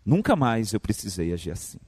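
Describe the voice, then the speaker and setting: A man with a Brazilian Portuguese accent preaching a sermon in a church, moving from quiet, low storytelling to loud, high-pitched shouted preaching. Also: big pitch swings, a little fast, breathy edge, no echo. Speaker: pastor.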